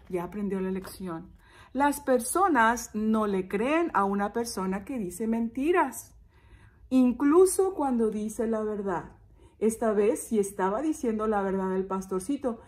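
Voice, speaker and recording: Brief: woman storyteller for kids, animated and questioning, high voice. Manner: animated, addresses kids directly, asks questions. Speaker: children's storyteller, teacher. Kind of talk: expressive read-aloud for children.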